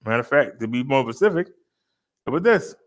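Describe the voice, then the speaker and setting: A man's voice: mid-range voice, lively intonation, a little fast. A man in his fifties venting in a casual vlog, argumentative and repeating his points. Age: 50s. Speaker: vlogger. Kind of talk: casual ranting monologue.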